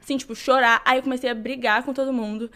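A woman's voice: high voice, steady tone, fast, pushed and bright. A young woman, a podcast guest telling a story animatedly and acting out other people's lines. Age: young adult. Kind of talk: casual storytelling.

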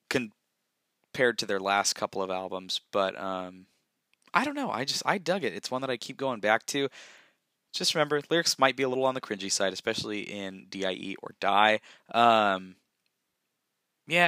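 A man's voice: fairly low pitch, sharp tone, dry recording. A young man hosting a casual solo podcast from a bathroom, rambling and self-deprecating, recorded on a gaming headset mic. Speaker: podcast host.

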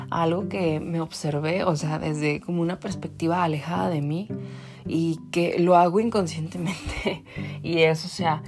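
Speaking with a Mexican accent, this podcast host chats casually with his listeners and keeps dropping "o sea" into his talk. His voice sits high and has a darkish tone.

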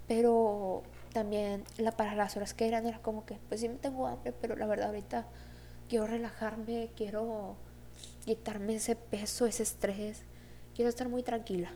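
A woman's voice: on the high side, mellow, a little hiss or hum. A young woman with a Mexican Spanish accent telling a personal story in a casual, rambling vlog style, full of fillers and acted-out dialogue. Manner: rambling, heavy filler "o sea, como que"; acts out quoted dialogue. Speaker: vlogger.

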